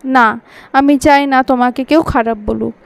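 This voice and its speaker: A woman's voice: high-pitched, fairly even intonation, creaky, clear, resonant tone, no room sound. A woman voicing a stubborn, cheeky little boy in a Bengali audio story, talking back petulantly. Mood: grudging. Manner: petulant, quick to talk back.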